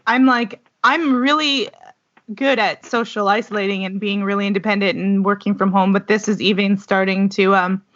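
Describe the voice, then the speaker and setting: A woman's voice: medium pitch, fairly even intonation, normal speed, fairly bright tone. A woman hosting a casual podcast chat, talkative and laughing easily. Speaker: podcast host. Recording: dull lo-fi audio.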